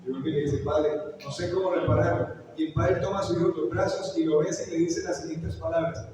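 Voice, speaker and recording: A man's voice: on the high side, fairly even intonation, brisk, background noise. A man preaching a sermon as pastor, telling a story and putting questions to the congregation. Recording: echoey hall, picked up from far off.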